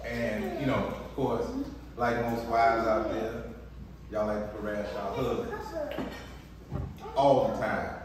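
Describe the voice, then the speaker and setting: A husband co-hosting a family vlog banters playfully to the camera at the breakfast table, restarting often. His lowish voice is steady and slow with long pauses. The distant mic gives a roomy echo with faint noise.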